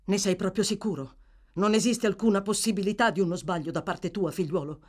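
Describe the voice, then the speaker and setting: A woman reading an audiobook, voicing an impulsive young gentleman anxious for news, his voice trembling. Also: lowish voice, animated, moderate pace, natural voice. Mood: urgent. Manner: urgent, trembling with hope.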